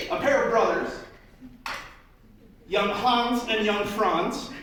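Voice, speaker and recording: A man's voice: sits high, a bit bright. A man working as a flea circus showman, giving theatrical, mock-grand patter with playful asides to a live audience. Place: live show space, heard from a distance. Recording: very echoey room, distant mic, faint noise.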